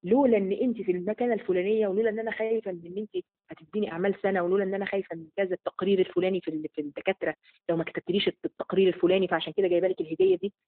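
A woman's voice: medium pitch, racing. A woman with an Egyptian Arabic accent giving a religious lesson to women, in colloquial speech that poses rhetorical questions and answers them. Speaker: religious teacher. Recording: phone-like narrow sound.

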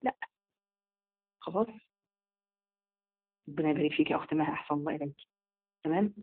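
A woman with an Egyptian Arabic accent teaches a live online religious lesson at a rushing pace. Her voice is husky, and she slows down only to recite scripture. The sound is thin and tinny, like a phone line. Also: low voice. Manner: rapid and emphatic, slowing for scripture recitation.

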